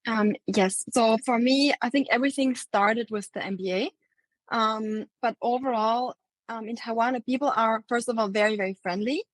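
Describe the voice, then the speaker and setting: A woman's voice: on the high side, normal speed, no echo, poor audio. Austrian-born woman chatting, dry close sound. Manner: relaxed, many fillers like um and like. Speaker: guest, marketing agency founder. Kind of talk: casual interview talk.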